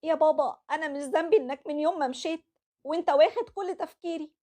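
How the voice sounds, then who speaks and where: A woman's voice: high voice, fast, voice pushed up, close to an everyday voice. A woman with an Egyptian accent voicing a grieving, tearful young wife and mother. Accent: Egyptian Arabic. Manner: pleading, tearful.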